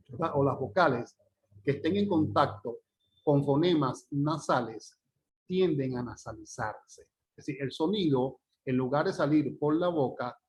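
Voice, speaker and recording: A man's voice: medium pitch, darkish tone. Man lecturing, drawing out example words. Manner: checks in often with "¿ok?" and "¿verdad?", repeats example words slowly. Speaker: teacher. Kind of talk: phonetics lecture.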